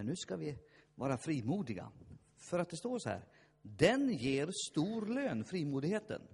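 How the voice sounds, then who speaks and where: A man's voice: a little high, darkish tone, husky. A man preaching a fervent sermon, telling stories and acting out the voices in them. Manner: fervent, storytelling, acts out voices. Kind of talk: lively sermon with shouted peaks. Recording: long hall reverb.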